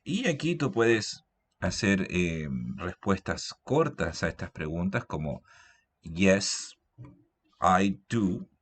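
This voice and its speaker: A man teaches English grammar in a very deep voice. He takes his time, going over each example sentence slowly and patiently. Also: lively intonation, slightly rough. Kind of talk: grammar lesson explained in Spanish.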